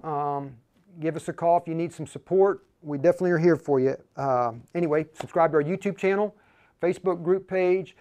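A man's voice: fairly high pitch, brisk, darkish tone, smooth. A man hosting a live radio demo on a lapel mic, talking casually and using ham radio call-sign talk. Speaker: host and instructor.

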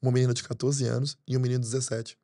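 A man in his thirties from Brazil, a pastor telling stories in a podcast interview, quick and animated, at a desk microphone in a studio. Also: mid-range voice, no room sound. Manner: fast storytelling, animated hand gestures. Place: studio with green curtains. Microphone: desk mic on arm.

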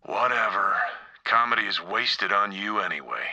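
A man's voice: on the low side, expressive, normal speed, dull audio, background noise. A man voicing a sane, kind-hearted but weary character in a video game, earnest and conversational. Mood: wry.

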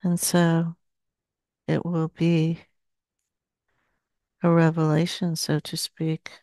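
A woman in her sixties trance channeling as a seance medium, speaking solemnly and slowly with long pauses. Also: sits low, monotone, warm tone, dry recording. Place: small dim indoor room. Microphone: headset.

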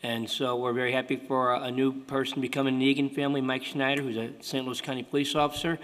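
Good-humored council member, echoey room. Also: male voice, mid-range voice, level tone, quick pace, a bit bright. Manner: casual, joking, good-humored. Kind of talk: meeting remarks. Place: city council chamber. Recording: reverberant council chamber.

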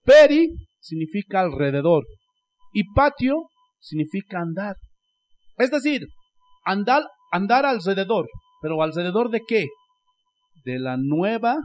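A Bolivian pastor preaching in a high, tenor-range voice. His pitch leaps and falls widely as he swings from loud exclamations down to near-whispered asides. He keeps coming back to a repeated refrain of praise. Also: sing-song, measured pace, pauses often. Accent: Bolivian Spanish. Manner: repeats "Gloria a Dios" as a refrain. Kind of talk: sermon.

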